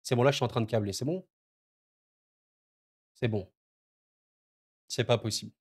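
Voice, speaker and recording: A man's voice: medium pitch, moderate pace. A man reacting to a football match on his video channel, agitated and emotional, stammering and repeating himself as he talks to his viewers. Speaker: football YouTuber. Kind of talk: excited football reaction vlog.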